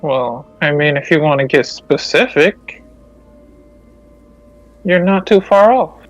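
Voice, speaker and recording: A man's voice: fairly high pitch, expressive, slow, faint music behind. A man playing a tabletop game, improvising casual in-character dialogue through a dull voice channel.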